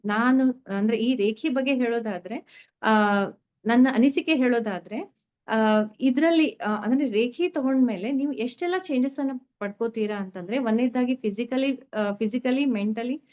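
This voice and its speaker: A young woman introduces a free online reiki class in an earnest, halting way, often stopping to find her next words. Her voice sits a little high. The sound is dull and lo-fi, as over an online call. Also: darkish tone. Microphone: online call audio.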